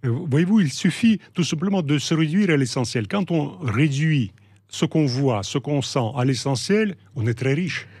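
A middle-aged man from Russia with a Russian accent, talking in a measured, hesitant way with many pauses and restarts as an interview guest. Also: fairly high pitch, expressive, darkish tone, husky, no room sound, studio quality. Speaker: guest, novelist. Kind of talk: reflective interview talk.

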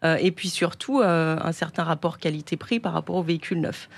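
A woman answering as a guest on a radio interview, halting often with fillers. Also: on the low side, creaky. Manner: hesitant, many euh fillers. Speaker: marketing director guest.

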